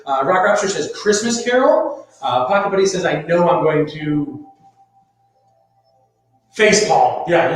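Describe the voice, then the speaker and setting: A man hosting a live-streamed trivia game show, playful and showy, chatting casually with viewers in a very echoey space. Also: on the high side. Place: echoey room. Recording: very echoey reverberant space, music behind. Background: music.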